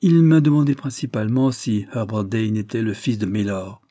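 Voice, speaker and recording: A man reading aloud who voices a loyal, indignant manservant in a low, husky voice close to his own. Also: fairly even intonation, moderate pace, dark tone, no echo, natural voice. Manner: earnest, shocked.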